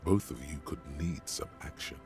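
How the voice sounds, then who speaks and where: An actor voicing a sly, goading inner voice of the mind in a video game, knowing and insinuating. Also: male voice, very deep voice, moderate pace, a little mellow. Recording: music behind the voice.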